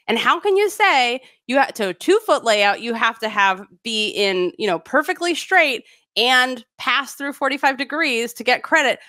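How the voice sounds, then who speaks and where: A high-pitched woman with a very lively, swooping voice, co-hosting a podcast in a dry studio sound. She talks in an emphatic, ranting way, piling up her complaints with plenty of energy. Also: no echo. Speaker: podcast co-host. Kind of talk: casual chat.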